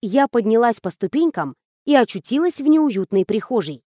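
A woman narrating a novel in the first person, in a lively, ironic reading manner. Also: fairly high pitch, normal speed, dry recording, clean studio sound. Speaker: audiobook reader. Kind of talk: scripted narration.

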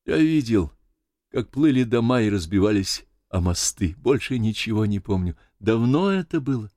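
Man playing a high-pitched fussy old fisherman. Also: normal speed, no echo, clean studio sound. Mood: reassuring. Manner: high, excited, fussing. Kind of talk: audiobook character voice.

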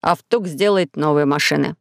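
A woman reading an audiobook, voicing a cheerful, sly blue-faced alien boy inventor in a lowered voice. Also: normal speed, vocal fry, no room sound, clean studio sound. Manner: sly and boastful.

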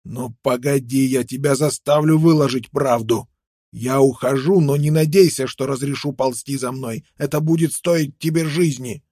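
A man's voice: mid-range voice, moderate pace, dark tone, no echo, studio quality, natural voice. A man voicing a menacing, contemptuous young frontiersman with a knife, snarling threats in an audiobook. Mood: threatening.

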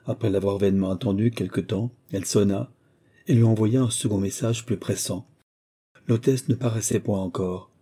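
A man narrating a classic novel as an audiobook, in a measured, even reading. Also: on the low side, slightly rough.

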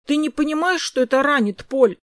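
Woman reading a hurt pushy young guy, fairly high voice, dry sound. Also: moderate pace, no room sound, natural voice. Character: young man, boyfriend, insistent and hurt.

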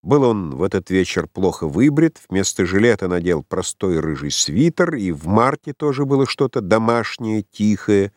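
A man narrating a literary audiobook in a measured, expressive reading. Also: lowish voice, no room sound. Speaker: audiobook reader.

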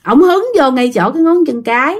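A woman's voice: high voice, lively intonation, fairly quick. A woman, telling a ghost story in a chatty way and speaking straight to her listeners. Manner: chatty, addresses listeners directly.

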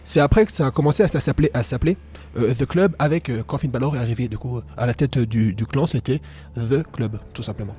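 A man's voice: medium pitch, quick pace, mellow. A man co-hosting a casual podcast chat, talking with many hesitations and fillers. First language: French. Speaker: podcast co-host.

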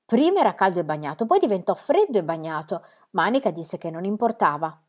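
A woman reading a children's story aloud in an expressive, lively way. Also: on the low side, fast. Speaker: reader.

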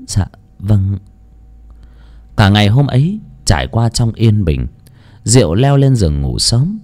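A man's voice: on the low side, big pitch swings, normal speed, darkish tone. A man narrating an audiobook expressively. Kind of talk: storytelling narration.

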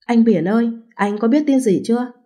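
Woman reading it as anxious village girl spilling gossip, higher n hurried. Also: mellow, natural voice. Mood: alarmed. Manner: hurried and alarmed.

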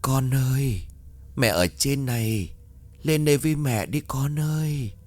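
A man voicing an eerie ghost that imitates a mother, calling softly to lure her child. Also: mid-range voice, measured pace, no room sound, pitched above the performer's own voice, close to an everyday voice. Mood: eerie luring. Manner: coaxing, hushed and luring.

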